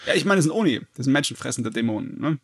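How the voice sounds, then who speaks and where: A man's voice: mid-range voice, animated, racing, husky, no room sound, clean studio sound. A man co-hosting a podcast, commenting casually on the stories. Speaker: podcast co-host. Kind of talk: casual chat.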